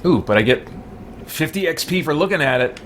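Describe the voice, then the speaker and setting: A man's voice: on the high side, animated, brisk, background noise. A man hosting a let's play with casual, joking gaming commentary.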